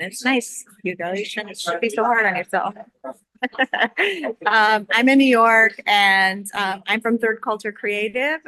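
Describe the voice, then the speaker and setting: A woman's voice: medium pitch, sharp tone, dry recording, poor audio. A woman co-organizing a hackathon, talking in a friendly, casual way on a video call, with many fillers.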